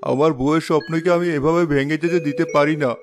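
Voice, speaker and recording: A man's voice: fairly high pitch, fairly even intonation, slight background noise, close to an everyday voice. A man voicing a practical village carpenter husband. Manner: measured, practical. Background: background music.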